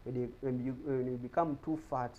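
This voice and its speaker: A man's voice: mid-range voice, steady tone, brisk, darkish tone, muffled recording. A man giving an explanatory talk on health in a TV studio, often repeating words as he searches for them. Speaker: guest speaker on health.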